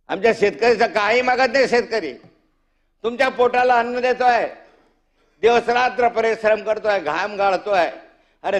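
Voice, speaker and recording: A male legislator giving an impassioned, rhetorical assembly speech, accusing the government in a fiery tone. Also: on the high side. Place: state legislative assembly chamber.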